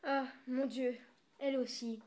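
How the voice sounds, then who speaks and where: A woman's voice: high voice, steady tone, a little slow, a little mellow. A woman reading a storybook aloud, voicing a worried old male goat farmer who pleads and scolds in exasperation. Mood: fretful.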